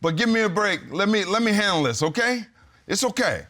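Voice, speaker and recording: A man's voice: high-pitched, expressive, a little fast, sharp tone. A man presiding as a TV court judge, questioning people in a firm, direct and folksy way.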